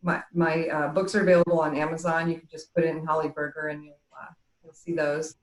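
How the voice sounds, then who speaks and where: A woman's voice: deep voice, little pitch movement, a little fast, roomy sound, low-quality recording. A woman guest on a podcast, chatting easily about her work with small restarts and thanks. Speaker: podcast guest, spiritual channel. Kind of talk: casual interview chat.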